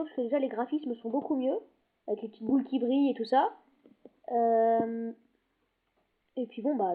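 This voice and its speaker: A woman giving casual gameplay commentary, rambling and often cutting herself off mid-sentence. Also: high-pitched. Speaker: gaming video host. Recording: tinny phone-like lo-fi recording.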